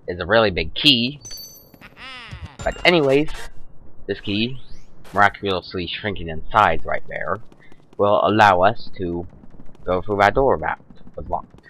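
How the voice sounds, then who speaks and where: A man's voice: fairly low pitch, unhurried, long pauses, a bit bright. A young man giving casual gameplay commentary as a let's play host, with a sarcastic, wry manner. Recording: faint game music behind.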